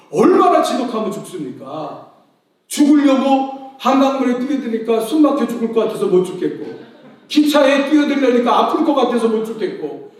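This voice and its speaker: A man preaching a sermon as pastor, animated, firing rhetorical questions at the congregation and acting out the people in his stories. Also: very high voice. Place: church sanctuary. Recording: very echoey hall, voice from a distance.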